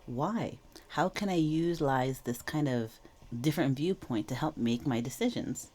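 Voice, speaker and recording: A woman with a bass voice, darkish in tone, speaks at normal speed with lively intonation as she gives viewers a tarot reading on her channel. She's under the weather, a bit wheezy and clearing her throat, yet stays reflective, reassuring and casually explanatory.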